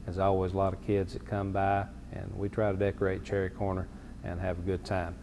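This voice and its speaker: A man's voice: sits low, completely flat delivery, a little fast, darkish tone. A man chatting casually. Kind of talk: casual chat. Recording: long reverb, faint noise.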